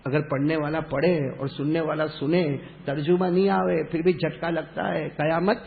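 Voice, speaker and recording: Male preacher with a high voice, leading a call-and-response sermon, heard through a tinny line. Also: fairly even intonation, creaky. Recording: echoey hall over a tinny phone-like line.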